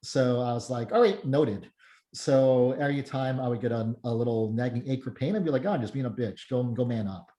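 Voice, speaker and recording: Guy in his 30s rambling on a podcast, mellow voice, echoey room. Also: medium pitch, brisk. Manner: rambling, many restarts and fillers. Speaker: strength coach and guest. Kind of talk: casual podcast chat. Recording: roomy echo.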